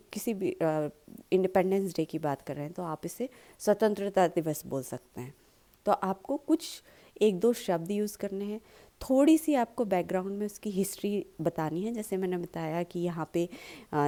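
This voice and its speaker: A woman with an Indian accent, explaining in a tutorial lesson and slowly stressing sample lines. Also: on the low side, warm tone. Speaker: public speaking teacher.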